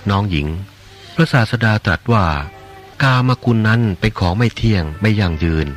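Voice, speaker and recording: A man voicing a calm, gentle monk. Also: fairly low pitch, natural voice. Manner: measured, gently admonishing. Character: calm male monk, gentle and firm teacher. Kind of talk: audiobook reading of a religious novel.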